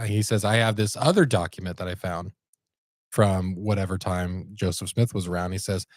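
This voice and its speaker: A man's voice: fairly low pitch, a little mellow, no echo. A man co-hosting a podcast, casually retelling a story in a rambling, laid-back way with lots of fillers. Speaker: podcast co-host.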